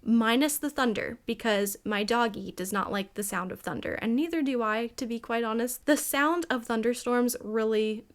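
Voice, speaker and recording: A young woman with a fairly high-pitched voice chats casually as she narrates a game build. She sounds over-caffeinated and excitable, rambling from thought to thought and giggling often between phrases. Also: moderate pace, few pauses. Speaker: gaming video creator. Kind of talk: chatty casual build commentary.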